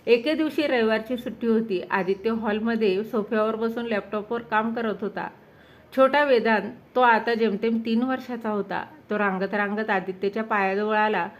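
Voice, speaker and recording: Female narrator, scripted emotional storytelling, expressive delivery, higher register. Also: normal speed.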